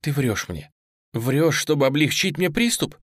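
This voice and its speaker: A man's voice: a little high, big pitch swings, unhurried, no room sound, pitched above the performer's own voice. Storybook young woman, scared and teary, trembling pleas, voice lifted, done by a male reader; dry booth sound. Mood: tearful. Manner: trembling, pleading, tearful. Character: frightened tearful young woman, pleading.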